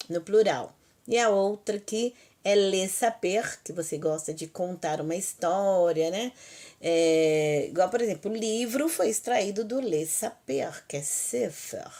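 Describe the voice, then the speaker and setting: A woman teaching a language lesson at an unhurried, deliberate pace. Her voice sits a bit low for a woman. She patiently breaks words into syllables, repeats them, and speaks straight to her students. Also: darkish tone. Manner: patient, repeats each word slowly syllable by syllable; self-correcting, talks to students directly. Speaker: Hebrew teacher.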